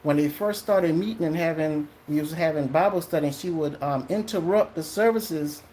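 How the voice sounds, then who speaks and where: A man tells a personal story straight to the camera in a loose, animated way. His voice jumps up high when he acts out other people, and he swears without holding back. A faint hiss of noise sits behind him. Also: normal speed. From Trinidadian family in the US. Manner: animated, profane, often acts out what people said. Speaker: vlogger telling a personal story. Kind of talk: casual storytelling monologue.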